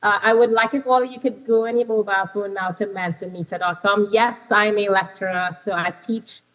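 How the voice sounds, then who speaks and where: This woman from Trinidad delivers a remote, interactive conference presentation as a lecturer, speaking briskly with a steady, fairly bright tone at medium pitch. Her Trinidadian accent comes through as she chats along, often saying um and correcting herself. The audio is poor.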